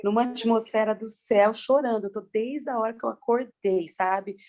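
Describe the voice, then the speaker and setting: A woman pastor talks over a video call, tearful and effusive, her words tumbling out with many fillers. Her voice sits fairly high. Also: steady tone, moderate pace, darkish tone. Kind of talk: testimony-filled church talk on a video call.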